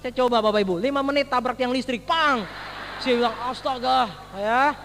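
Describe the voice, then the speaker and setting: A man giving a motivational testimony to a seminar audience, telling his story in an animated way, full of exclamations and direct address. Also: very high-pitched, normal speed. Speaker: network marketing member giving a testimony. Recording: reverberant hall with faint background noise.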